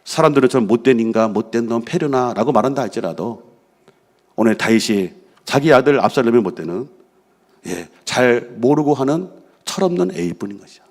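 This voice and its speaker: A man's voice: mid-range voice, expressive, fairly quick. A middle-aged male pastor preaching a sermon, reading scripture and telling personal stories, often asking the congregation questions. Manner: engages the congregation with frequent questions and affirming "yes"; reads scripture aloud, then expounds with personal stories. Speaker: senior pastor.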